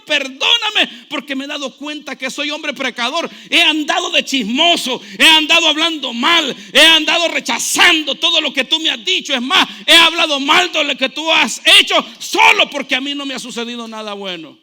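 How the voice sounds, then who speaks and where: A preacher playing the apostle Peter, pleading. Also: male voice, very high voice, lively intonation, moderate pace, few pauses, voice pushed up, full character voice. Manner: pleading, shouting confession. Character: apostle Peter, a grown man, terrified and repentant.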